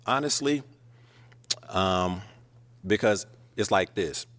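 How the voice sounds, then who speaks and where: A man's voice: fairly low pitch, slow, a bit bright, no room sound. A man on a dating show, talking casually and hesitantly with a lot of fillers. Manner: hesitant, many fillers, easygoing.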